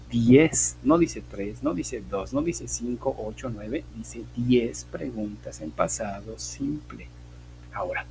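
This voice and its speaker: A man's voice: medium pitch, gravelly, a little mellow, rough recording. Guy teaching an english class, explains step by step, keeps asking ok?, faint hum behind. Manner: explanatory, repeats points with frequent "ok?" checks. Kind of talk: online class instruction.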